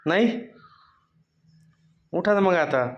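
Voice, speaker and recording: A man talks to the camera and to his toddler in a teasing, coaxing way. His voice sits fairly high for a man. The sound is dull and lo-fi, like a phone camera recording. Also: animated, very slow. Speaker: vlogger filming his small child. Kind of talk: casual family vlog, talking to camera and toddler.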